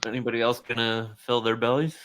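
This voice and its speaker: A man's voice: mid-range voice, level tone, brisk, background noise, natural voice. A man putting on a woman with a Scottish brogue. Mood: welcoming. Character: hospitable forest-dwelling woman host.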